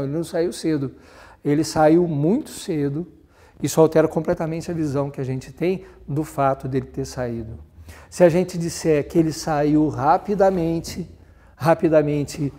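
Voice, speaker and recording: A man's voice: fairly high pitch, mellow. A man with a Brazilian Portuguese accent teaching a grammar lesson, explaining step by step, giving examples and spelling words out.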